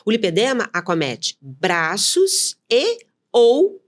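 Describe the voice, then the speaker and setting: A woman speaking as a nutritionist guest, with a lively voice that rises and falls a lot. She lays out her points one by one, like a teacher, and keeps checking that the listener is following. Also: mid-range voice, slow pace. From São Paulo, Brazil. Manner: didactic, lists points and checks in with "tá?". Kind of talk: explanatory interview talk.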